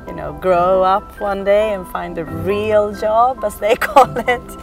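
Outdoors on a lawn, a woman in her thirties, a Swedish actress from Sweden whose native tongue is Swedish, answers documentary interview questions thoughtfully and earnestly, with many hesitations. She speaks slowly at a medium pitch, recorded from a distance with music in the background.

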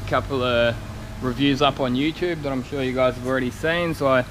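Briskly and with fairly even intonation, a man in his thirties in a mid-range voice gives a walkaround of a large workshop, chatting casually and rambling in a blokey way. He is a car spray painter and YouTube vlogger recording on an action camera held at arm's length, and the workshop noise is clear.

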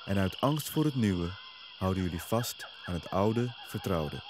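Brief: a man as a calm, lecturing old guru in a cartoon, low and lively. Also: noisy background. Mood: stern. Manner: measured, lecturing. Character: wise old male guru, stern and calm. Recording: nature ambience with crickets and frogs.

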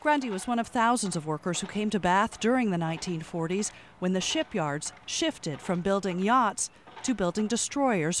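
A woman reading scripted documentary narration in a measured, informative way. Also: medium pitch, slight background noise.

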